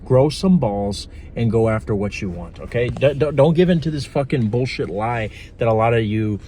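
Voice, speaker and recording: A man's voice: mid-range voice, lively intonation, moderate pace, dark tone, slight background noise. A man giving blunt, profane dating and manifestation advice in a casual vlog. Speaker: manifestation coach.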